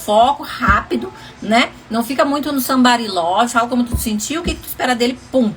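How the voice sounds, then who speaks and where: A woman's voice: on the high side, brisk, fairly bright tone, slight background noise. A woman relationship coach giving casual advice on a livestream, chatty and often laughing, calling viewers endearing names.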